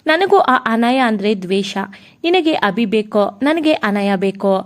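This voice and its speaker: A woman's voice: on the high side, animated, measured pace. A woman voicing a scheming man in a storybook tale, talking in a sly, conspiratorial way. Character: scheming plotting man, rich household schemer.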